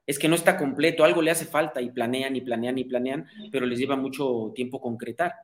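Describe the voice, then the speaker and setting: A man's voice: medium pitch, steady tone, fairly quick, slight background noise. A man, a psychologist guest explaining ideas in an interview and often checking that the listener follows. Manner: didactic, asks "¿sí?" for agreement, acts out quoted people.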